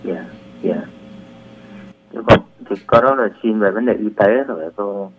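A man's voice: lowish voice, a little slow, a little hiss or hum. A man calling in to a radio advice show, polite and deferential as he asks his question. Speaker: caller. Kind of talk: call-in question. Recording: thin phone line.

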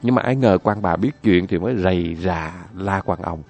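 A man's voice: low-pitched, normal speed, darkish tone. A man telling folk tales on a radio program, chatty and addressing the listeners directly. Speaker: radio storyteller. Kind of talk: folk-tale storytelling.

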